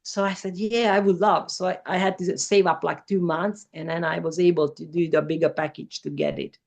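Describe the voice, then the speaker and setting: A woman's voice: lowish voice, fairly even intonation, a little fast, darkish tone. A woman, an English speaker who talks in careful, simple sentences as an interview guest. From former Yugoslavia. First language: Hungarian. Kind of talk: personal testimony in an interview.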